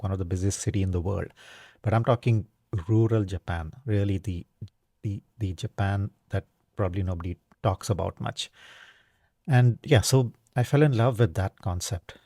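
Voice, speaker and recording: An Indian man hosts a reflective solo podcast in a mellow, lowish voice at moderate pace, with studio-quality sound and no echo. He talks casually and thoughtfully, using plenty of "um," "you know" and "right?".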